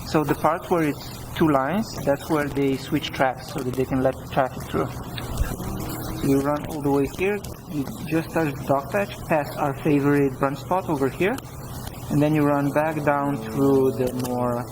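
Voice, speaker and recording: Casual male vlogger, slightly high voice. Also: measured pace, noisy background. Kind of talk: casual vlog chat.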